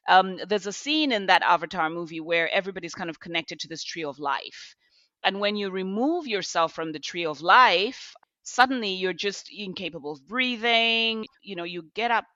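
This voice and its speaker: A woman's voice: on the low side, moderate pace, sharp tone, no room sound, lo-fi sound. A middle-aged woman, a podcast guest telling reflective stories with restarts. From Zambia. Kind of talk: podcast interview.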